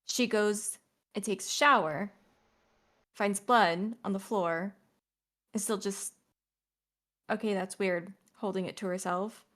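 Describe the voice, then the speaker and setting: A woman co-hosting a podcast in casual chat, asking questions and telling lively anecdotes. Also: medium pitch, takes it slowly, long pauses. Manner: animated, questioning, tells funny anecdotes. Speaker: podcast co-host.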